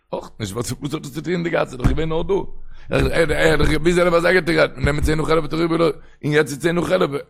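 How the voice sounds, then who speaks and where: A man's voice: a little high, vocal fry. A man giving a traditional religious lecture in an emphatic manner, often slipping into a sing-song chant. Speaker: religious teacher.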